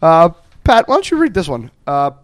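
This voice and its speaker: A man's voice: a little high, normal speed. A man hosting a comedy podcast, chatting casually and laughing a lot. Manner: laughing, animated, jokey. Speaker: podcast host.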